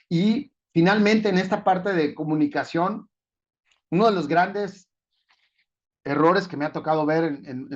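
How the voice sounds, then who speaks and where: A man's voice: a little high, highs cut off. A man giving a talk at a forum, putting rhetorical questions to the audience and explaining with everyday examples. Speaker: conference speaker.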